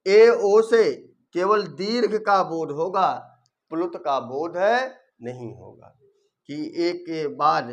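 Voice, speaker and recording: A man gives an online grammar lesson in a fairly high voice. He takes his time and lingers over each rule as he recites it. Then he explains it through questions he asks and answers himself. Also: slow, muffled recording. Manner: recites rules syllable by syllable, then explains them with rhetorical questions. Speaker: Sanskrit grammar teacher.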